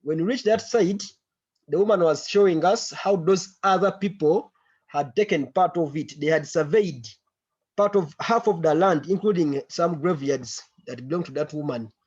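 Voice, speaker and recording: A man's voice: high voice, normal speed, a little mellow, husky. A man briefs colleagues on a conference call, often repeating words and phrases as he recounts. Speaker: member of an organisation reporting to a meeting. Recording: muffled online conference call audio.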